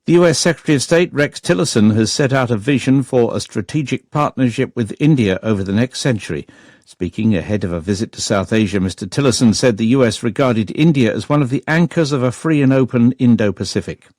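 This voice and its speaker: Male newsreader, measured bulletin delivery, dry studio. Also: medium pitch, lively intonation, darkish tone, no echo. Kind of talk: news bulletin reading. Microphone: studio microphone.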